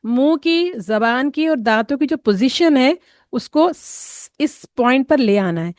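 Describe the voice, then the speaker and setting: A woman teaching tajweed pronunciation. She explains patiently, step by step, models each sound slowly, and mixes English words into her teaching. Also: high-pitched, animated, a little mellow, no room sound, studio quality. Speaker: Quran recitation teacher.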